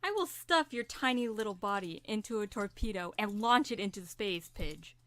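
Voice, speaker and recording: A woman reading the part of a brash, dramatic young man in an amateur fan fiction reading, with loud theatrical outbursts. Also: medium pitch, expressive, normal speed, close to an everyday voice.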